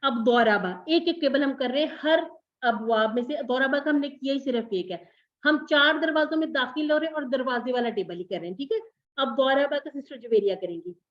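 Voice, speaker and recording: A high-pitched woman leads an online Arabic lesson, patiently correcting each student. The sound is dull and lo-fi, as over a call. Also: brisk. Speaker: Quran Arabic teacher. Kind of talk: online class teaching.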